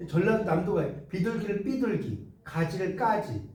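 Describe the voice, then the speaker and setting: A man giving a lively classroom lecture, chatting with students and asking them questions. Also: high-pitched, fairly quick. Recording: roomy classroom sound, mic far off.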